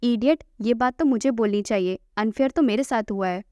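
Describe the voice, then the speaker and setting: A woman's voice: fairly high pitch, brisk, mellow, smooth, no echo, natural voice. A woman reading a teasing, persistent young man. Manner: quoted plainly in the narrator's own voice. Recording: dull lo-fi, dry.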